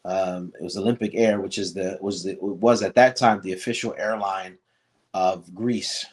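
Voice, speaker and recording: A middle-aged man with a somewhat low voice recounts an old travel story in a relaxed interview. He talks loosely, circling back with restarts and fillers, and perks up whenever he quotes someone. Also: normal speed. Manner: rambling, many restarts and fillers, animated when quoting others. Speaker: guest.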